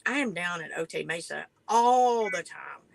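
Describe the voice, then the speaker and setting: A woman's voice: on the low side, lively intonation, moderate pace, creaky, a little hiss or hum. A woman with an Appalachian accent talking casually and earnestly on a panel, in a folksy way that repeats words for emphasis.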